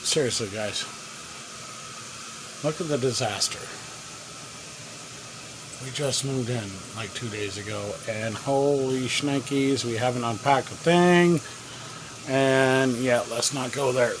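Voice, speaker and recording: The vlogger in this casual cooking video speaks slowly with a mid-range voice, pausing often. He is folksy and chatty, sometimes talking with his mouth full, while cooking on a propane cooker in a camper. Frying and boiling water fill the noisy home recording.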